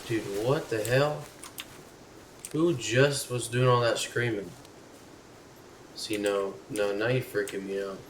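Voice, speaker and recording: A man's voice: on the low side, steady tone, slow, long pauses, recorded from a distance. A man streaming live gameplay commentary, who chats to his in-game companion and yelps and swears at sudden scares. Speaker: gaming streamer. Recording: echoey room, off-mic, noisy.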